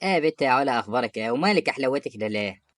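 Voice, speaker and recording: A performer with an Egyptian Arabic accent voicing an affectionate, patient young husband in an animated story. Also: female voice, extremely low pitch, dry recording. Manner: warm-hearted, rapid.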